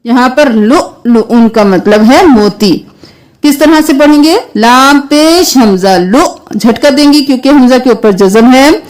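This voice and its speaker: A woman teaching Quran reading, spelling sounds out letter by letter and chanting verses slowly. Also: sits high. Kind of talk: slow tajweed lesson with recited verses.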